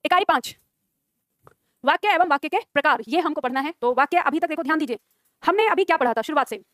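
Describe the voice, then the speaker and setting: A woman's voice: high-pitched, expressive, fast, fairly bright tone, no room sound, clean studio sound. A woman teaching a Hindi grammar exam-prep class, dictating notes, repeating lines and quizzing her students.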